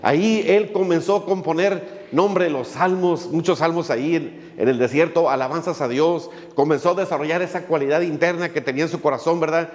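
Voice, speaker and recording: Pastor guy preaching, kinda high voice, chatty with lots of "este", long church echo. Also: brisk, few pauses. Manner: folksy, many fillers, jokes while telling a story. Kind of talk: sermon with storytelling.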